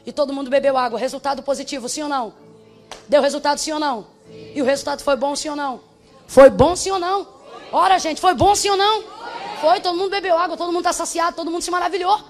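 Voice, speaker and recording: A woman preaching a sermon with fiery shouted refrains, dropping into speaking in tongues. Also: high-pitched, quick pace, some chatter behind. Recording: faint music behind.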